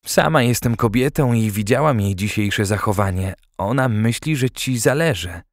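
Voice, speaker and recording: Man voicing a young woman, soft, coaxing, teasing aunt, audiobook, dry close sound. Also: fairly low pitch, expressive, moderate pace, dry recording.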